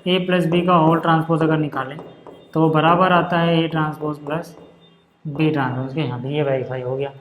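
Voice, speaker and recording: Male maths teacher, high voice, roomy echo, casual chatty explaining. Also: level tone, a little fast, fairly bright tone, slight background noise. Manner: chatty, keeps checking in with the class. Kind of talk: casual classroom lesson.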